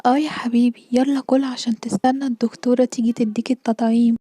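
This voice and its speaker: A doting cartoon mother squirrel played by a woman with an Egyptian accent. She coaxes her child quickly in a mellow, slightly raised voice. The recording is dry and close. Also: a little high, flat delivery, breathy edge, no echo. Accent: Egyptian Arabic. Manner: coaxing, motherly. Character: loving mother squirrel, doting but firm.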